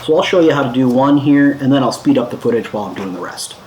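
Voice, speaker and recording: Quick and lively in intonation, this man's medium-pitched, darkish voice hosts an informal DIY electronics tutorial with an easygoing, mildly self-deprecating air. The room echoes and has some background noise.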